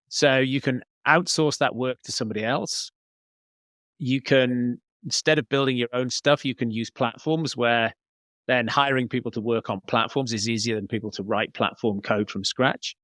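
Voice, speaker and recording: A man appearing as a podcast guest answers interview questions as a business coach, explaining conversationally and working through examples step by step. His mid-range voice is a bit bright, and the studio-quality recording has no room sound.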